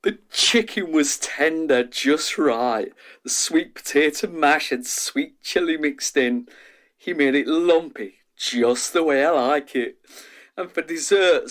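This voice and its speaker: In a radio drama, an actor with a fairly high, slightly bright voice plays an eager, down-to-earth man who chats away and relishes each phrase, savouring every taste.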